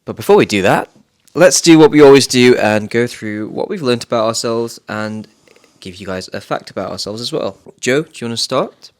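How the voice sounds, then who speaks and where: A British man co-hosts a podcast in a casual chat, sounding upbeat and talkative and drawing out his phrases. His voice is medium-pitched and his pace moderate.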